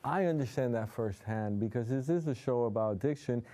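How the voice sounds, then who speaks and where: A New York City man whose first language is Spanish, a hypnotherapist, guests on a TV studio interview, speaking earnestly, openly, and with heartfelt conviction. His voice is mid-range and warm, and he talks fairly quickly on the studio set mic.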